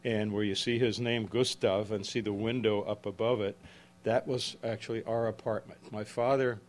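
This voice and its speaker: A Czech-born author in his seventies gives a book talk to a live audience in an event room. His fairly low voice comes out halting and flat, often restarting and correcting himself mid-sentence, with a faint noise underneath.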